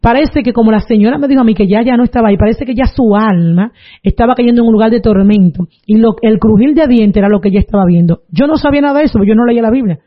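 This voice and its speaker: A woman's voice: a little high, fast. A woman telling her religious testimony in an earnest storytelling manner, with preaching asides. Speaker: testimony giver. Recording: dull lo-fi recording.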